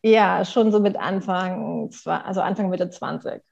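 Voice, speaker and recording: A woman's voice: on the low side, a little slow, vocal fry, a little mellow, dull audio. A woman in her thirties speaking candidly as an interview guest, thinking aloud in a reflective, conversational way. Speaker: interview guest, company co-founder. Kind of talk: casual interview talk.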